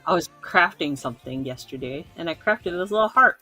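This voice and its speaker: A woman co-hosts a live craft sale, talking in a friendly, chatty way about her handmade pieces. Her voice is husky and sits on the low side. Faint music plays behind her. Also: expressive, brisk, bright, forceful tone. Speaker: co-host selling crafts. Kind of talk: casual live-stream selling.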